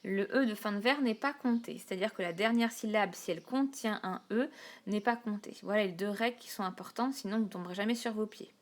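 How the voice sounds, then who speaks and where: A woman teacher talking through a recorded whiteboard lesson, pausing often with fillers and counting syllables out slowly. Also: mid-range voice. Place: home desk, recorded on a tablet.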